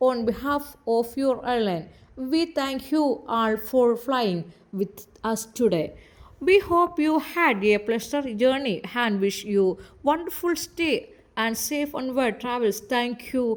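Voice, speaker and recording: A woman voicing a flight attendant making formal, drawn-out cabin announcements in a storybook tale. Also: a little high, expressive. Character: polite female flight attendant on the intercom.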